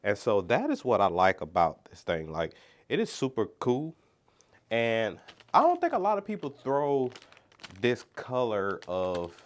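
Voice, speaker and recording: A man with a low voice, stuffed up and nasal from congestion. He hosts a fishing channel and talks loosely and chattily, full of "like" and "so", as he unboxes gear in a casual vlog. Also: fairly bright tone, slight background noise. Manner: chatty and rambling, with lots of "like" and "so". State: congested, talking through his nose.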